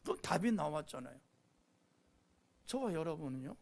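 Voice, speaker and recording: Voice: mid-range voice, big pitch swings, moderate pace, creaky, a little mellow. A pastor preaching a sermon with passion, often prompting the congregation with a questioning "eh?". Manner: impassioned preaching, frequent rhetorical "eh?" prompts to the congregation.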